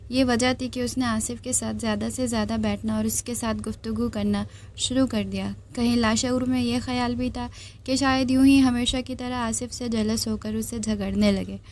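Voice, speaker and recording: A woman reading a romance novel aloud as narrator, in a steady, even storytelling manner. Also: on the high side, a little hiss or hum. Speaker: novel reader.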